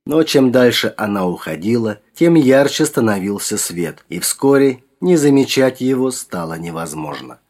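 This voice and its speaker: A man narrating a dark fantasy audiobook in a measured storytelling manner, with faint music behind him. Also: medium pitch, animated.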